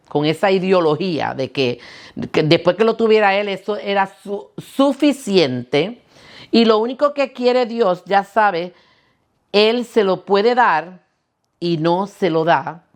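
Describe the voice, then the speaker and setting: A woman pastor preaching a sermon, asking the listeners questions and restarting words now and then. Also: mid-range voice.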